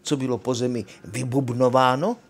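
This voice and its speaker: A man's voice: mid-range voice, fairly even intonation, a little hiss or hum, natural voice. An older man reading aloud and voicing two scornful, learned young brothers who sneer at their sibling. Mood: mocking.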